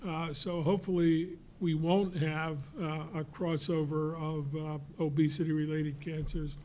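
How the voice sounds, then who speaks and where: An older man on a studio panel, explaining in a measured, halting way with many fillers. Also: a little high, flat delivery, a little mellow, a little hiss or hum. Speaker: cancer researcher on a panel. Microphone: desk mic.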